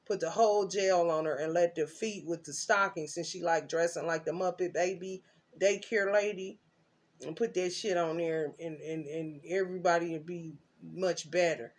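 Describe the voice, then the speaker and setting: A woman on a tarot channel who goes off on a long, rambling rant packed with profanity. She pushes some lines out loud and hard, then drops into low muttering. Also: fairly even intonation, normal speed. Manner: cursing, loud and emphatic, swings between shouting and muttering. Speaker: tarot reader.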